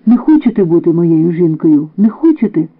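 A man's voice: on the high side, sing-song, normal speed. Ardent young lover begging an answer, urgent, radio-thin sound, voiced by the male narrator. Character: passionate young man proposing love. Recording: tinny narrow-band radio broadcast.

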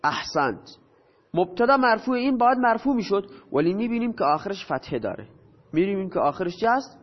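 A man with a high-pitched voice and big pitch swings explains grammar to his class, asking questions and answering them himself. The recording sounds dull and lo-fi, with a long reverb trailing his words.

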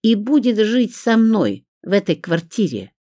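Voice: medium pitch, big pitch swings, a little slow, warm tone, no room sound, studio quality, pitched above the performer's own voice. A reader voicing an indignant, scornful woman who hisses and shrieks at her neighbours in a storybook. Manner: hissing, indignant. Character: shrill scornful woman, estranged mother.

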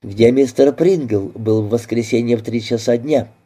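A man voicing a composed male police inspector in a detective audiobook, questioning in a dry, measured way. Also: medium pitch, warm tone, breathy edge, close to an everyday voice. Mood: probing.

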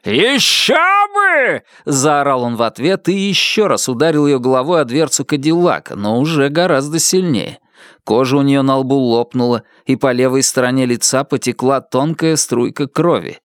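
A man narrating a dark thriller audiobook in a tense, vivid way. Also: medium pitch, normal speed, no echo, clean studio sound. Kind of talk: dramatic audiobook reading.

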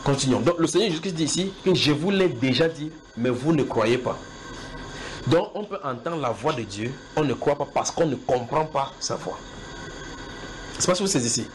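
A man delivers a house church sermon at a middle pitch. He circles back over the same phrases and keeps turning to his listeners with direct questions. Steady background noise runs under the recording. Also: moderate pace, rough recording. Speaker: preacher.

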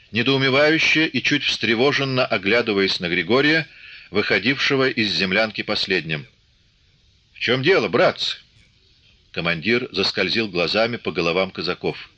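A man reading an audiobook of a classic novel in a measured, literary way, giving the characters voices, on a dull lo-fi recording. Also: fairly low pitch, bright, forceful tone. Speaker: audiobook narrator.

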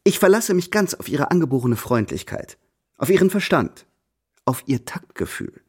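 Radio drama: pompous, scheming French nobleman, lively and lofty. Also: a little high, normal speed, husky. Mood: haughty. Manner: pompous, sprinkles in French phrases. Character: haughty scheming French marquis, middle-aged man.

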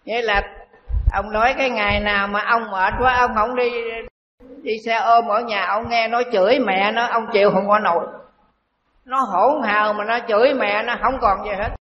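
A male Buddhist monk gives a dharma talk, telling a story slowly and repeating phrases. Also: high voice, steady tone. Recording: dull echoey hall recording with faint hiss.

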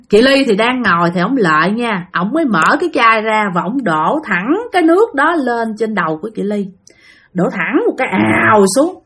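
A woman with a Southern Vietnamese accent tells a ghost story in a loose, chatty way. She keeps turning to her listeners directly, and her voice sits a little high. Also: sharp tone. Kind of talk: spoken ghost-story narration.

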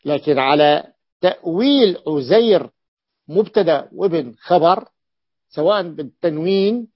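A man's voice: fairly high pitch, no echo. A man teaching a grammar lesson, who repeats key phrases and asks and answers his own questions. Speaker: sheikh teaching rhetoric. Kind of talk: classroom lesson explaining Arabic grammar. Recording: dull, dry lo-fi lecture recording.

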